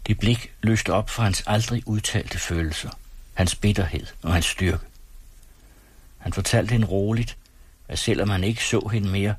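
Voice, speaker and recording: En mand, der læser en novelle op i et roligt, afmålt tempo. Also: male voice, low voice, breathy edge, no echo. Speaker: audiobook narrator. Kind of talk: scripted narration.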